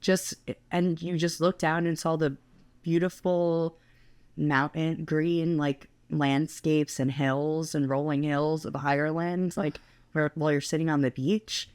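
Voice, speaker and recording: A woman's voice: low voice, little pitch movement, measured pace, darkish tone, smooth, dry recording. A young woman co-hosting a podcast, telling a travel story in a chatty way full of fillers. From United States. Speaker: podcast co-host.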